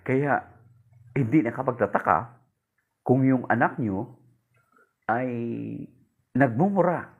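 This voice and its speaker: Preacher guy mixing tagalog n english, husky voice, bit muffled. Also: lively intonation, slow, long pauses. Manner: mixes Tagalog and English, addresses listeners as brothers; acts out voices in the story with a raised pitch. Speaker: priest. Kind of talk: homily with a told joke.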